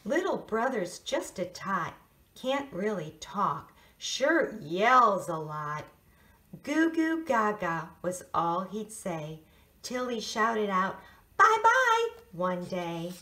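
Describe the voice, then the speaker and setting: A female teacher reading a children's picture book aloud, playful and expressive. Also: fairly low pitch, slow. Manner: sing-song, playful, expressive read-aloud. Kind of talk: storybook read-aloud for children.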